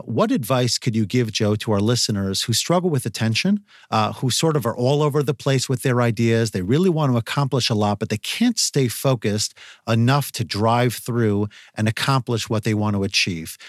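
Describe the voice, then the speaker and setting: A male podcast host asks long, measured, thoughtful questions in a mid-range voice. His recording is dry, with no room sound. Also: medium pitch, no room sound. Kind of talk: podcast interview.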